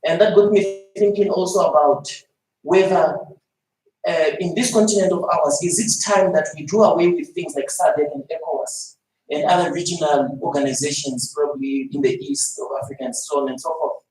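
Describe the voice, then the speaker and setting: A man's voice: a little high, normal speed, a little mellow. A young man, a student, giving hesitant but earnest remarks full of fillers at a panel discussion. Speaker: student speaking from the floor. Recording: echoey hall, far from mic, faint noise.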